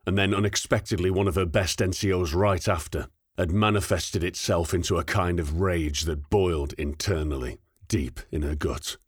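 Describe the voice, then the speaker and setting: A man narrating a war novel as an audiobook in steady, measured scripted narration. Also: deep voice, husky, no echo, studio quality.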